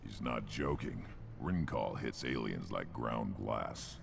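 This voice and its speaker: A man playing a huge, brooding, scornful alien warrior in a video game, with a rumbling gravelly voice. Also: slight background noise, heavily acted. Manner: slow, brooding. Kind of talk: scripted video game dialogue.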